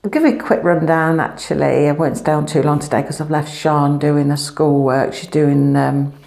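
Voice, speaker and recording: A woman's voice: sits low, fairly even intonation, normal speed, gravelly, darkish tone. A woman, rambling chattily in a casual family vlog, her voice echoing in an empty room at home through a clip-on microphone. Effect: echoey empty room. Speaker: family vlogger.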